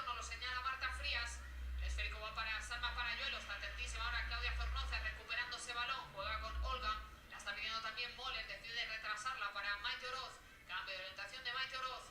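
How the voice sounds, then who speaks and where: A female football commentator with a high voice, following play in short clipped phrases. She sounds roomy and away from the mic, with music behind. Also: recorded from a distance. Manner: short clipped phrases tracking each pass. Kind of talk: live running match commentary.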